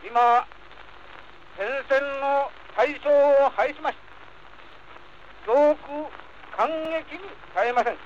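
A man's voice: very high voice, takes it slowly, long pauses. A man making a formal, emphatic public address, heard as an old archival speech recording. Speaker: speaker addressing the nation. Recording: muffled old recording with hiss and echo.

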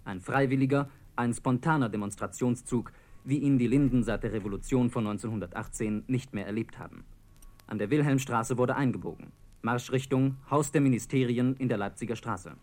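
A man's voice: medium pitch, brisk, a little mellow. Man narrating a radio documentary. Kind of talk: scripted narration.

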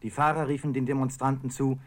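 A man's voice: medium pitch, little pitch movement, quick pace. A man reading a historical radio documentary script as a second narrator, in a plain reading voice.

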